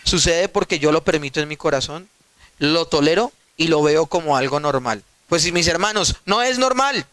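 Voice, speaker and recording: A man's voice: fairly high pitch, expressive, moderate pace, fairly bright tone. A male pastor preaching a sermon emphatically, putting rhetorical questions to his listeners and addressing them directly.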